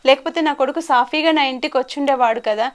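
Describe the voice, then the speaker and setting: In an interview, a woman life coach tells stories in a high-pitched, fast voice, animatedly acting out the lines she quotes.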